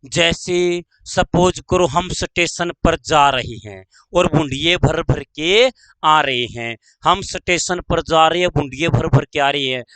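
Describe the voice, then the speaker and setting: A male teacher gives an online grammar lesson, stretching words out slowly and repeating each phrase. His voice sits high and sounds bright and crisp. The recording is close and dry. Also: dry recording, rough recording. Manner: slow, drawn-out, repeats phrases and asks pupils questions.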